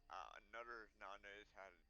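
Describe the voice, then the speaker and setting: A man's voice: lowish voice, moderate pace, bright, forceful tone, lo-fi sound. A man chatting casually as a player in a tabletop fantasy game, describing what his character does. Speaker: tabletop role-play player.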